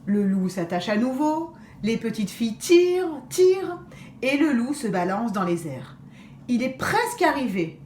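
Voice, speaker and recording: A woman teacher reading a children's story aloud with expressive, deliberate storytelling. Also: on the high side. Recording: echoey room, faint hiss.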